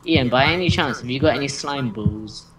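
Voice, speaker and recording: A young man giving excitable, teasing commentary while playing a multiplayer game with friends over a noisy voice-chat recording. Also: mid-range voice, a little fast, distant mic. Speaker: gamer.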